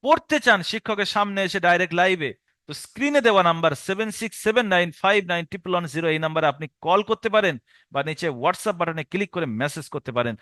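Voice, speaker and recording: A man teaching Quran reading in a recorded online lesson, spelling letters out slowly and chanting the rules quickly by rote. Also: high-pitched, animated, bright, forceful tone, no echo, studio quality. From India.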